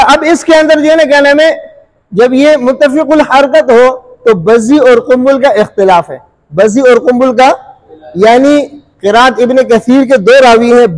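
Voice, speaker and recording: High-voiced man teaching in a repetitive, quizzing style. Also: poor audio. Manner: repeats points and quizzes the listener with rhetorical questions; demonstrates recitation by drawing out sounds slowly. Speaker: Quran recitation teacher. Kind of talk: Urdu tajweed lesson.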